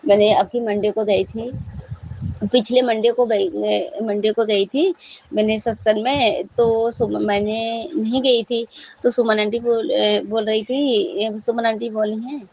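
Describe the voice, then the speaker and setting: A woman tells a congregation about a devotional experience, her voice sitting a little high. She talks in a chatty, fervent way, circling back and repeating herself as she goes. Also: fairly even intonation, unhurried, darkish tone, rough recording. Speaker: devotee sharing a satsang experience.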